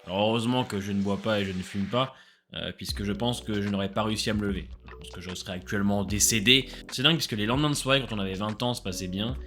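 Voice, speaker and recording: A man's voice: fairly low pitch, fast talker, soft background music. Tired, chatty man with a webcam. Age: late 20s. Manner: chatty, animated, self-mocking. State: tired from a late night. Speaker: food reviewer. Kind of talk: casual food-tasting vlog.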